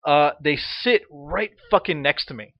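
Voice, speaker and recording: Brief: profane, animated male storyteller, slightly higher voice, lo-fi dry recording. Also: measured pace, no echo. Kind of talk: casual comedic storytelling. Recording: dull, dry lo-fi sound.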